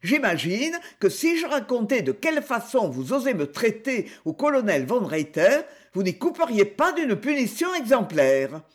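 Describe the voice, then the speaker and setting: A bold young woman detective from a storybook, pitched up and lively, as a woman reader puts her on. She swings between pleading and lofty scorn, her voice rising and falling. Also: normal speed, few pauses. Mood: haughty.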